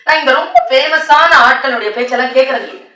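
A woman delivering a motivational talk in a lively storytelling manner, her voice high and bright. She slips English words into her speech. The sound is roomy and distant, caught from across a hall. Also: fast talker. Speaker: motivational speaker. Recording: echoey hall, distant mic.

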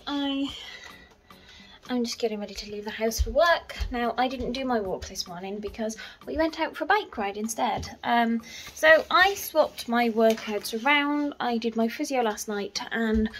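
This vlogger's voice runs on the high side, with slight background noise behind it. She's filming a handheld walking vlog on a phone at arm's length, chatting casually and rambling with lots of "so" and "um," both outdoors in town and indoors at home.

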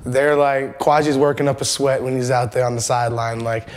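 A man's voice: medium pitch, completely flat delivery, fairly quick, faint music behind. A young man, a football player, chatting in a laid-back way in an interview. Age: young adult.

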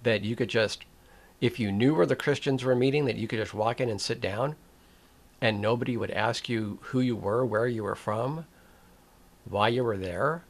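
An older man with a mid-range voice hosts a commentary video, addressing the camera directly. He speaks slowly and reflectively, pausing and restarting, with a wry edge.

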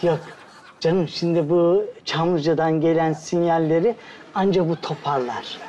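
An actor as a cheerful, bragging neighbour in a TV series. He talks warmly and laughs along as he shows off. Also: fairly high pitch, a little slow, lo-fi sound, a little hiss or hum, close to an everyday voice. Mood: boastful. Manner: boastful, jovial, laughing. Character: jovial boastful neighbourhood man showing off.

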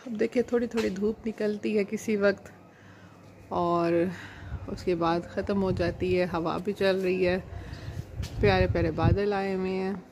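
A woman from Pakistan, telling a home story in a relaxed, even way as a vlogger. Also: medium pitch, measured pace, slight background noise. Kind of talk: casual vlog narration. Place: home rooftop, outdoors.

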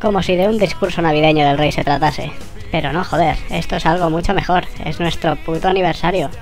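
A channel host with a Spain Spanish accent, voice sped up like a tape on fast forward, giving a sarcastic, swear-laden anniversary monologue. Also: medium pitch, fairly even intonation, faint music behind. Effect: sped-up squirrel voice, like a tape on fast forward.

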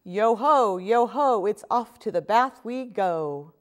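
A woman voicing a gang of boisterous little pirate children in a storybook read-aloud, loud and rowdy. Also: a little high, expressive, slow, pitched above the performer's own voice.

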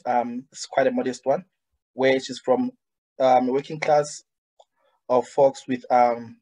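A young man hosting a webinar over a video call, reading a guest's bio with frequent ums and pauses. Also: mid-range voice, a little mellow, slightly rough, low-quality recording. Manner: hesitant, many ums. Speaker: webinar host. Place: indoor room, padded wall behind. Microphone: video call webcam.

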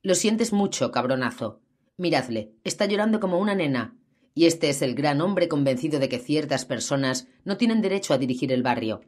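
A woman's voice: low voice, expressive, normal speed, darkish tone. A woman reading the part of a sadistic, menacing male thug in an audiobook. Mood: taunting. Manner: taunting, menacing. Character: sadistic big adult male thug with a gun.

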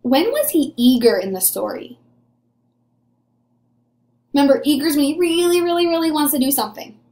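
An early elementary teacher in her twenties speaks with a high, slightly mellow voice at normal speed, in an echoey small room. Her animated read-aloud for young children is encouraging and question-driven, with her answering as if pupils had replied. A webcam or camera at desk distance does the recording.

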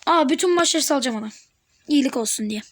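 A woman giving live gameplay commentary on her channel, excitable and teasing, talking back at the game as she plays. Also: high-pitched, fast. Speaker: gaming channel host.

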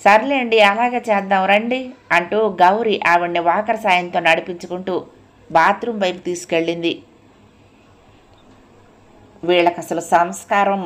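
A woman narrating a novel aloud as an audiobook, in a steady, even storytelling manner. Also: on the low side.

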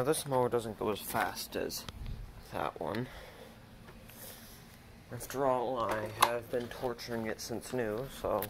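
A man with a medium-pitched voice talks casually in a monotone, giving words little stress, as a vlog host would. He is outdoors on a handheld mic, with very loud noise around his voice. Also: gravelly. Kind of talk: casual first-person vlog narration. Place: outdoors in a yard. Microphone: handheld camera or phone mic.

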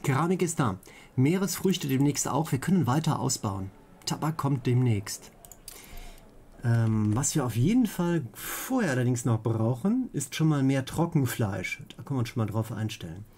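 A man's voice: mid-range voice, sing-song, moderate pace, a little mellow, slight background noise. A man hosting a let's play, chatting casually and playfully repeating words to himself as he plays. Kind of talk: casual gameplay commentary.

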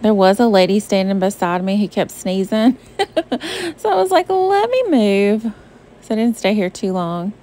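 Her mid-range voice is mellow yet very animated, and she talks a little slowly: a young woman from the Southern United States describing a shopping trip. The chatty, filler-heavy voice-over ("um," "like") was recorded apart from the store seen, with faint music in the background.

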